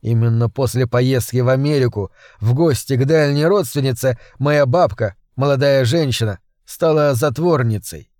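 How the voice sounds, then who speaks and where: A man's voice: mid-range voice, normal speed, few pauses, a little mellow, dry recording, clean studio sound. A man reading a first-person horror story aloud in a tense, dramatic way. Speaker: audiobook narrator.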